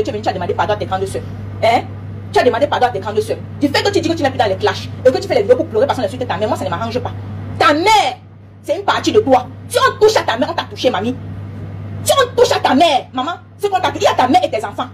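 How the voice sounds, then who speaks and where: A woman's voice: high-pitched, big pitch swings, rapid-fire, a little hiss or hum. A woman, delivering a heated monologue straight at someone, emphatic and taunting, repeating herself. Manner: emphatic, repetitive, taunting, frequent "hein?". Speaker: online commentator. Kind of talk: heated direct-address monologue.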